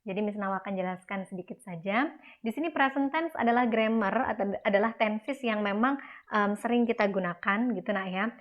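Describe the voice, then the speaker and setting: A woman's voice: medium pitch, a little fast. A young woman teaching an English class, explaining slides in a chatty way with frequent tag fillers. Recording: dull lo-fi recording.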